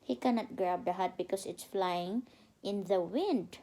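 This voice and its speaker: Recorded on a phone camera, a mother reads her toddler a bedtime story, pausing for instructive prompts. Her voice is medium-pitched, mellow, and unhurried.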